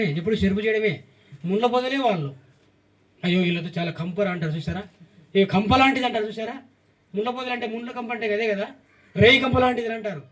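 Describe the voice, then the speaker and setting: A man's voice: sits high, far from the mic. A man preaching a sermon, emphatic, reeling off repeated lists and firing questions at the congregation.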